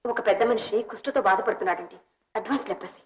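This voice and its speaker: An actress playing a selfless young woman who speaks gently and pleadingly on behalf of a sick old man. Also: mid-range voice, rapid-fire, lightly acted. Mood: gentle. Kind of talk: 1960s Telugu film drama. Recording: dull old film soundtrack.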